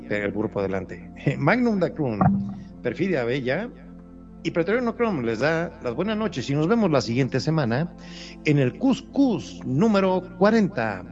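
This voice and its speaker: A man hosts a casual radio show, his voice somewhat high and swinging widely in pitch. He jokes and repeats himself. The audio is a bit dull. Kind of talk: casual live radio chat. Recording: dull lo-fi online radio with music. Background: music.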